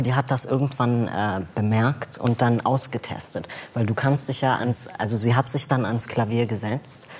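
A man's voice: mid-range voice, darkish tone, a little hiss or hum. A young man as a guest on a talk show, chatting casually with many fillers.

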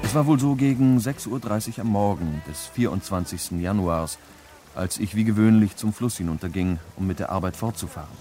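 An actor playing a sober witness from the gold rush, reading dramatised recollections for a radio history feature. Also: male voice, on the low side, fairly quick, warm tone, faint music behind, lightly acted. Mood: reminiscing. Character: 19th-century gold-rush witness recalling events, sober. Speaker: voice actor reading quotes and translations.

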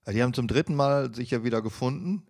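A man's voice: medium pitch, animated, fast, a little mellow. A man co-hosting a podcast in casual chat, teasing his partner with dry jokes and laughing at them. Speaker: podcast co-host.

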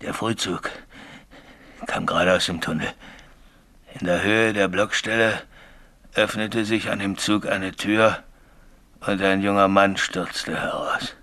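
An actor playing a frightened railway signalman haunted by a ghost, telling his story haltingly and growing frantic, in a 1980s German radio drama. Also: deep voice, fairly even intonation, sharp tone, heavily acted. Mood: haunted, hushed. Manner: tells his tale haltingly, then grows frantic and desperate.

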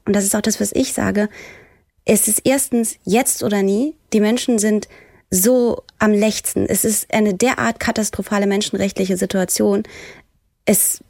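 A woman journalist speaking with heartfelt earnestness, pausing and searching for her words. Her voice is close and dry, with no room around it. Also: mid-range voice, steady tone, vocal fry, a little mellow, dry recording. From Germany. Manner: heartfelt, searching, many fillers. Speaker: journalist and presenter, guest. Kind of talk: earnest discussion.

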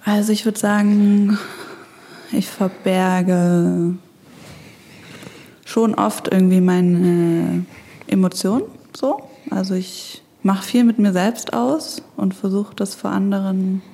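Soft-spoken young woman, mellow voice. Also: mid-range voice, steady tone, slow, gravelly. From Stuttgart, Germany. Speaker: podcast guest. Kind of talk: casual conversation.

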